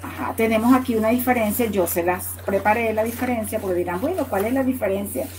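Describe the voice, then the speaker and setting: On a live online class, a Latin American woman teaches English vocabulary in Spanish, explaining patiently, asking "ok?" after each point, and answering viewers' questions by name. Her voice is slightly high and somewhat mellow, and she speaks quickly. The recording quality is low.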